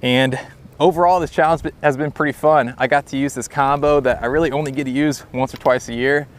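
With a medium pitch, fairly even intonation and a slightly fast delivery, a young American man vlogs about fishing outdoors. Standing by a windy pond, he chats to camera in an easygoing, informal way.

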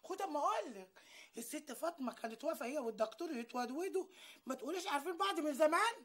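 An actress playing a gossipy, excitable housemaid in a TV drama, with an Egyptian Arabic accent. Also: female voice, sits high, racing. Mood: excited. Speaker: household maid. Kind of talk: TV drama acting.

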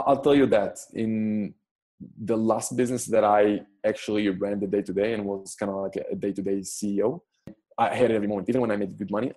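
An Israeli man in his thirties, not an English speaker, talks through his answers in a low, warm, rounded voice. He stops and restarts often, repeating words as he looks for the phrase, in an unhurried conversational way. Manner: halting, frequent restarts and stammered repeats, non-native phrasing. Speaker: podcast guest, business investor. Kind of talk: casual interview answers.

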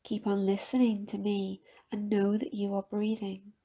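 A meditation guide leads a scripted session, her husky, breathy, mid-range voice calm, measured, and soft-spoken. It's soothing guided narration.

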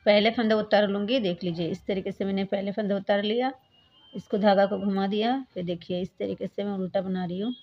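A woman hosting a step-by-step knitting tutorial, calmly explaining each stitch and often addressing her viewers as friends. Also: medium pitch, fairly quick, highs cut off. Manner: patient, repeats "look, friends" while demonstrating. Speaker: craft tutorial host.

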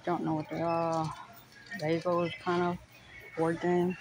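This toy shopping vlogger speaks slowly in a lowish monotone, tossing out short, casual comments while browsing a large store aisle indoors. She records on a phone held in her hand behind the camera, with store music and background noise audible.

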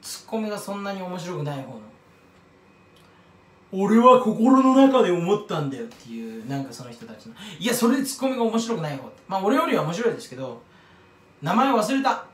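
A man's voice: sits high, big pitch swings, fast talker, far from the mic. Rambling, self-mocking man in a roomy echo. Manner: self-mocking, rambling tangents, stumbles over words. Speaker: YouTuber commenting on another creator. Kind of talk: casual rambling monologue.

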